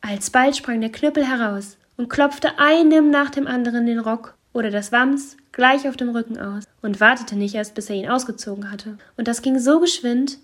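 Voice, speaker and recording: Woman reading a fairy tale out loud, fairly high voice, lively. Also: moderate pace, few pauses. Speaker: narrator.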